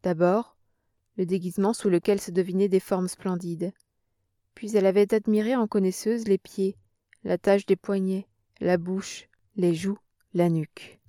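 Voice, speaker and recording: A woman reads a novel aloud in a steady, expressive way. Her voice sits at a middle pitch for a woman. The sound is dry and close to the mic. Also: measured pace, no room sound. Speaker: audiobook narrator. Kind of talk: novel reading.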